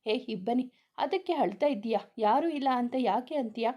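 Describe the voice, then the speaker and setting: A woman voicing a loving young husband who gently soothes his wife in a read-aloud story. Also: a little high, expressive, moderate pace. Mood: tender. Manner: soothing, reassuring.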